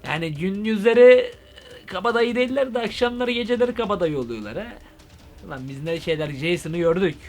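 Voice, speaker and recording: A young man doing a comic vlog monologue, excitable and rambling, full of slang. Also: high-pitched, a little fast, soft background music. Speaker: YouTube comedian.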